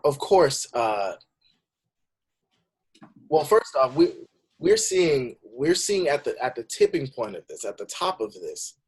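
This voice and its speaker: Husky earnest young man. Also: mid-range voice. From San Francisco Bay Area. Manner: earnest, builds to emphatic outbursts. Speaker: panel guest. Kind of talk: casual discussion.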